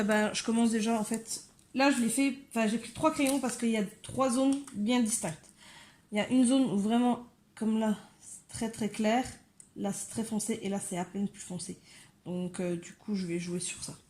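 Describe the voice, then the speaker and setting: A fairly high-pitched woman's voice with a darkish tone comes through slight background noise. She is a coloring channel host chatting casually through a tutorial in a windowed room at home, filling it with hesitations, asides and chatter to her cats.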